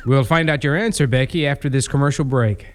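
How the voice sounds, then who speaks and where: A man's voice: mid-range voice, a little fast, very noisy. A man hosting a game show, presenting to the contestant and announcing the breaks. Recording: loud music over the voice. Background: loud music.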